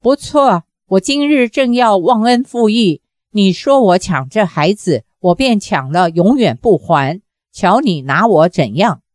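Bitter young swordsman, cold and cutting, lady reading it out slow and steady in a dry room. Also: mid-range voice, dry recording, lightly acted. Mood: scornful.

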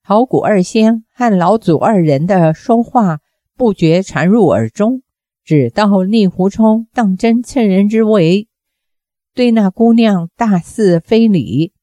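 A woman reading a martial arts novel aloud as a storyteller, raising her pitch for the characters' lines. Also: takes it slowly, no echo. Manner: lively reading with raised pitch for quoted characters. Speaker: audiobook narrator.

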